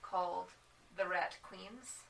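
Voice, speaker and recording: A woman's voice: lowish voice, fairly even intonation, slow, vocal fry, fairly bright tone. A woman co-hosting a casual podcast, chatty and laughing as she recaps a comic book. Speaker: podcast co-host. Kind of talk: casual chat. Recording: distant mic with faint noise.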